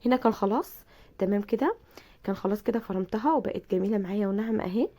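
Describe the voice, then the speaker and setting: A woman with an Egyptian Arabic accent, hoarse from a bad cold, chatting through a cooking tutorial and speaking warmly to her viewers. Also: medium pitch, rapid-fire. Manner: chatty, repeats herself, addresses viewers affectionately. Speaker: cooking channel host.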